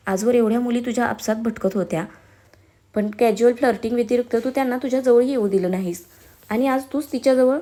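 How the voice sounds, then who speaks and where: A hot-tempered young husband in an audio story, sneering at his wife with low threats and mocking remarks, as a woman narrator puts him on. The voice stays fairly high throughout. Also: quick pace, dark tone, natural voice. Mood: brooding.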